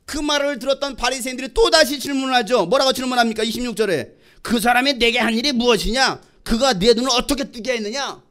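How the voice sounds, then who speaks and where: A man preaching a sermon as pastor, questioning the congregation and acting out quoted exchanges in a lively way. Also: extremely high pitch, quick pace.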